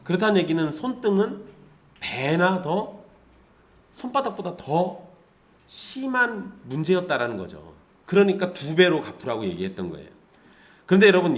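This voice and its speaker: Man, pastor delivering a lively conversational sermon, voice a bit high with wide swings. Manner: lively, conversational preaching with rhetorical questions to the congregation.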